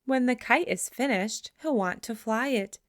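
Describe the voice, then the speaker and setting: Reading a picture book to children, this storybook reader uses a bright, fairly high-pitched voice and an expressive style. She eases her pace as the closing lines arrive. There's no reverb here; the audio sounds intimate and dry.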